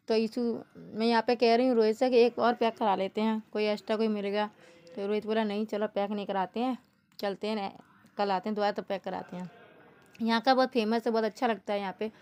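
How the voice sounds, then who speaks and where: Young woman, northern Indian, casual vlog narration, chatty, laughs often, fairly high voice. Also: darkish tone, smooth. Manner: chatty, laughing often, talks to viewers directly. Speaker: family vlogger.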